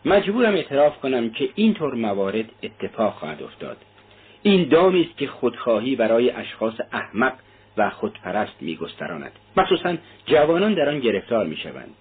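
A man's voice: mid-range voice, big pitch swings, husky. A man reading the part of a defiant young male student who argues in cutting lines. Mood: calm. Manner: argumentative, cutting. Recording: tinny narrow-band audio.

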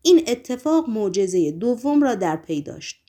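A woman reading a novel aloud as narrator, measured and expressive. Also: a little high. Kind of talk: audiobook narration.

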